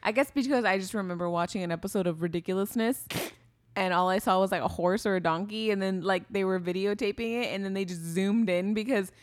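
A woman co-hosting a podcast, chatting casually and rambling through her stories with restarts and fillers. Her voice sits at a middle pitch and sounds dry and close, with no room echo. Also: fast talker. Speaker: podcast co-host. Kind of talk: casual chat.

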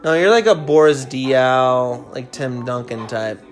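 A man's voice: medium pitch, expressive, a little slow. A young man hosting a casual podcast, joking, teasing and swearing a lot. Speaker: podcast host. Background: music playing.

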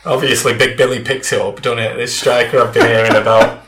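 A man's voice: medium pitch, level tone, a little fast, fairly bright tone, roomy sound. Young man, chatty and sweary. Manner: chatty, swears freely, laughs through stories. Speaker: guest. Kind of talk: casual storytelling.

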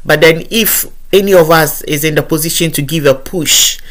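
A woman's voice: low voice, moderate pace. A woman from Ghana, hosting a podcast interview in an earnest, emphatic way and often repeating phrases as she thinks. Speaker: podcast host.

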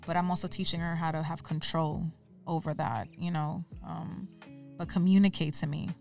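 On a casual podcast, an interview guest speaks in a low, steady voice at normal speed, creaky and a little mellow. She sits far from the mic with soft music behind, talking earnestly and using fillers like "like" and "um".

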